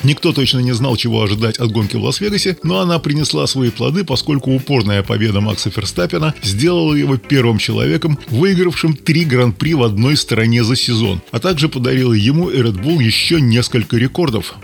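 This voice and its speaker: A male motorsport show host delivers scripted narration with a gravelly edge. His pitch is average. He tells things in a measured way, slipping in rhetorical asides. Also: animated, soft background music.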